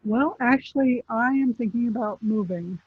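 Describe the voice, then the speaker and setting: Fifties woman from Florida phoning into a radio show on a headset; husky, unsure, lots of ums, heard through a dull lo-fi line. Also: on the high side, no echo. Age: 50s. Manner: hesitant, fills pauses with um and you know. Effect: call-in line audio. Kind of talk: casual call-in chat. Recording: dull, dry call-in line.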